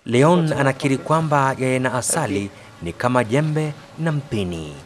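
A man's voice: mid-range voice, normal speed, background noise. A man with a Kenyan accent reading scripted news feature narration in Swahili.

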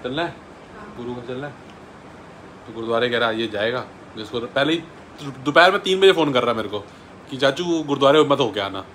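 A man's voice: medium pitch, animated, a little fast, pauses often, a bit bright. A young man casually vlogging at home, chatting and teasing his family's kids. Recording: noisy home phone recording.

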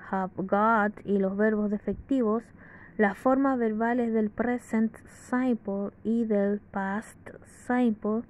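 A woman reading an English grammar lesson aloud from a textbook, slowly and carefully with pauses. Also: on the high side, mellow. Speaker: English teacher. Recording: dull lo-fi sound.

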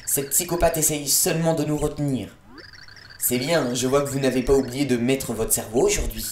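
A man's voice: medium pitch, steady tone, moderate pace, a little mellow, a little hiss or hum, lightly acted. Brief: taunting female game villain, read by a male player, sneering, roomy sound. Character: mocking female villain, shape-shifting trickster. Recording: echoey room with faint game music.

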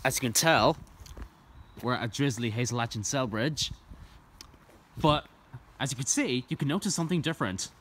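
A young Irish trainspotting vlogger films on his phone at an outdoor train station platform, his medium-pitched voice picked up by the phone camera at normal speed amid a noisy background. He narrates casually and enthusiastically, rambling with lots of ums, restarts, and long pauses.

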